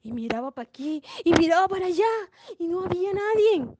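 A woman telling a fairy tale in an expressive storytelling style, with sudden loud and soft turns. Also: extremely high pitch, brisk. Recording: noisy home recording.

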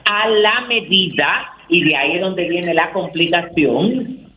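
A man co-hosting a radio talk show, talking in a theatrical, exclaiming way with big swoops in pitch. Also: takes it slowly, pushed and bright. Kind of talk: casual studio banter. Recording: roomy, dull sound with faint noise.

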